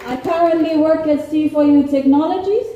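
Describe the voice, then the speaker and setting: A woman's voice: sits high, moderate pace, dark tone, highs cut off, a faint crowd. A woman giving a formal introduction on stage as a pageant contestant. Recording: echoey hall, distant, faint noise.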